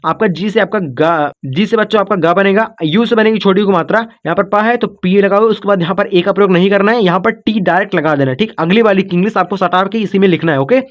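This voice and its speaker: A man's voice: high-pitched, fast, hardly any pauses, muffled recording. A man teaching an online spelling lesson, patiently breaking words into syllables, repeating himself often and checking in with his students. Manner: calls listeners "kids" and "brother", checks in with "okay".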